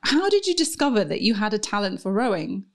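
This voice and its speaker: A woman in her thirties hosting a podcast from a living room, enthusiastic and warm, speaking into a studio mic. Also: medium pitch, sing-song, fairly quick. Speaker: podcast host. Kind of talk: podcast intro and interview. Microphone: studio mic on boom arm.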